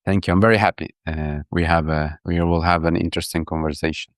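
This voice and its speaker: An Iraqi urban planner in his thirties talks enthusiastically as a podcast guest in a casual interview, frequently restarting and repeating words. His voice is low and steady in tone, he speaks fast, and the studio-quality recording has no room sound.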